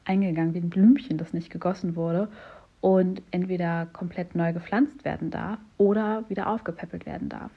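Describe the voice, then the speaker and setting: A woman coach speaking directly to her listeners, encouraging and warm as she explains ideas step by step. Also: on the low side, fairly even intonation, moderate pace, slightly rough, highs cut off.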